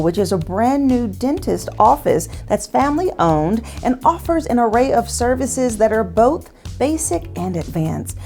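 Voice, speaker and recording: A woman's voice: medium pitch, darkish tone. A woman hosting a local lifestyle talk show, upbeat and encouraging, interviewing a guest in a dental office on a lapel mic. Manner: upbeat, encouraging, frequent affirming murmurs.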